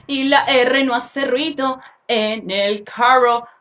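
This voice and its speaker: A woman giving a playful pronunciation lesson for children, telling a little story and slowly modeling example words. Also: sits high, a bit bright. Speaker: English pronunciation teacher.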